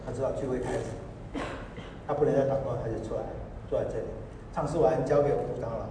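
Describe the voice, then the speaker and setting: Laughing pastor in an echoing hall. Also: male voice, mid-range voice, quick pace, a little hiss or hum. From Taiwan. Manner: lively, laughing, acts out voices. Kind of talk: storytelling sermon. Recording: echoey hall, voice from far off.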